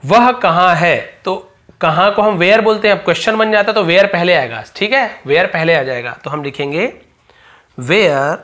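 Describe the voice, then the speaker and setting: Slightly high-voiced man teaching English grammar. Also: fairly bright tone. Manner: explains step by step, repeats, asks and answers his own questions; drawn-out slow dictation when writing English phrases. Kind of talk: Hindi-medium English grammar lesson.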